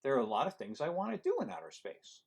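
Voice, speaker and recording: A man reading a picture book aloud as an eager young boy who dreams of outer space, in a wide-eyed, excited storybook voice. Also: mid-range voice, quick pace, vocal fry, breathy edge, voice pushed up, full character voice.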